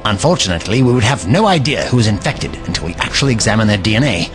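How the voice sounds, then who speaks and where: A man's voice: on the low side, sing-song, fast talker, music in the background. A man playing a clever, earnest alien Time Lord hero in an audio drama, with precise, theatrical, formal diction. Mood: confident.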